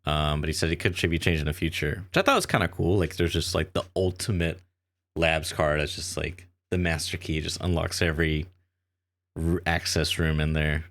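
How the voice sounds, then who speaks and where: A man with a very deep voice co-hosts a podcast in an unhurried, conversational way. He rambles and hesitates, packing his talk with ums and likes. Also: steady tone, a bit bright. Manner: rambling and hesitant, heavy "um" and "like" fillers. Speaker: podcast co-host. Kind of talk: casual chat.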